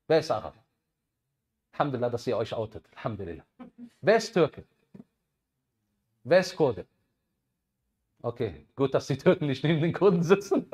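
A man in his thirties giving a lively sermon on a headset mic, swinging between loud bursts and quiet asides. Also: a little high, slightly rough. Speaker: preacher.

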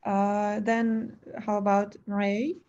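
A woman moderating a panel roundtable over a video call, speaking haltingly with many fillers. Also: mid-range voice, flat delivery, warm tone, dull audio. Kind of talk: hosting an online roundtable.

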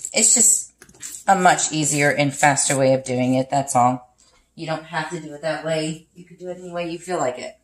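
A woman hosting a home cooking vlog, chatting casually and giving step-by-step instructions as she cooks in her kitchen. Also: on the low side. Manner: chatty, instructive, counts out spice shakes.

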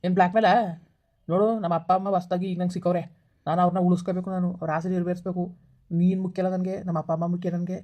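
A woman's voice: on the low side, little pitch movement, dark tone, lightly acted. A woman playing a curt young man dumping his girlfriend. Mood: scornful. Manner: curt, scolding, rapid-fire. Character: harsh dismissive young man breaking up. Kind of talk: village skit acting.

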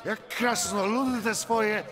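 An actor playing a gruff, proud clan swordsmith in a fantasy game, boastful and rustic like a dwarf. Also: male voice, high-pitched, steady tone, slow pace. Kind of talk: fantasy video game voice acting. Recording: game music behind.

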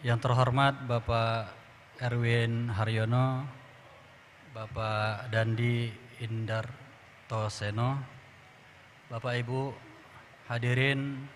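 A male cleric gives a formal opening before a prayer. His pitch is medium and barely varies, with faint noise behind him. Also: flat delivery, drawn-out words, pauses often. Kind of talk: formal religious opening address.

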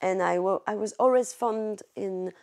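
Woman, French accent, podcast guest, halting speech, casual chat. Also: medium pitch, darkish tone. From France. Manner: hesitant, restarts often, searches for English words.

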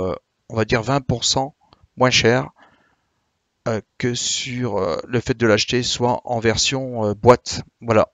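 A man streaming live, chatting casually with viewers, a bit tired, explaining slowly with many hesitations. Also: medium pitch, no echo. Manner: hesitant, many "euh" and restarts, friendly explaining. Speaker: Twitch streamer.

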